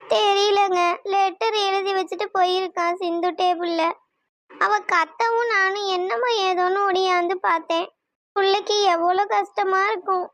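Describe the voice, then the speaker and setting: A fretful middle-aged mother in a cartoon, voiced by a woman. She fusses anxiously in a high voice. The recording is dry and close. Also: steady tone, moderate pace, fairly bright tone, no echo. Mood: worried.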